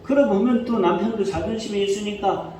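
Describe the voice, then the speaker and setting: A male pastor preaching a sermon in a church, telling a story with lively questions to the congregation. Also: high voice, a little fast. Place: church sanctuary. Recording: echoey church hall from far off, faint music.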